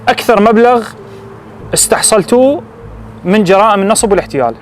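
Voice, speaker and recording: A man's voice: sits high, expressive, fast, slight background noise. A man with an Iraqi Arabic accent questioning suspects on camera in commanding, clipped prompts. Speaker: police interviewer presenting the case.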